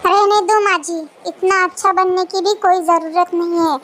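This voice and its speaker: A proud young bride who talks back with scornful, quick comebacks, as a woman puts her on. The voice sits very high. It sounds like a cartoon storybook. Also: fairly even intonation, fairly bright tone. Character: proud, sharp-tongued young wife.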